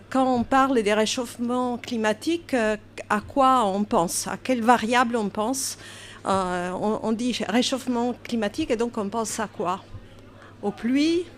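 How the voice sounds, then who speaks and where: Italian-born woman talking science to a café crowd, lots of euhs, faint room noise behind. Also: fairly high pitch. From Italy. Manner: hesitant, many fillers, asks the audience. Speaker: oceanographer speaker. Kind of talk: public science talk.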